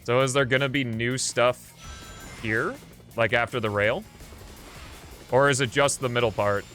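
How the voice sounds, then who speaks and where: This male livestream host talks informally through his gameplay, wandering from thought to thought as video game music plays. His medium-pitched voice is unhurried, pushed and bright, with fairly even intonation.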